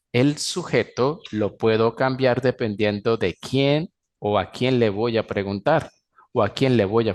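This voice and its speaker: A man with a Venezuelan Spanish accent teaching an English class, slowly explaining and drawing out example phrases. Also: mid-range voice. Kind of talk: recorded class lecture.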